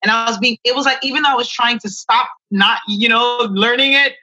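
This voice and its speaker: A woman astrologer talking through client stories in a relaxed podcast conversation, filling her speech with "you know". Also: on the high side, fairly quick, dry recording, poor audio. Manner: chatty, frequent "you know" fillers.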